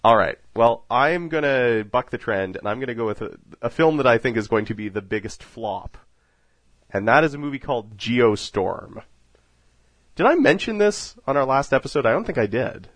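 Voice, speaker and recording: A man's voice: mid-range voice, animated, normal speed, dry recording. A man hosting a casual film podcast, joking and laughing often as he talks. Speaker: podcast host.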